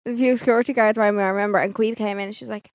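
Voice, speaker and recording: A woman's voice: mid-range voice, steady tone, very fast, dry recording, clean studio sound. A woman in her twenties with a Dublin Irish accent, co-hosting a podcast in casual, giggly chat and swearing freely. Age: 20s. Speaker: podcast co-host.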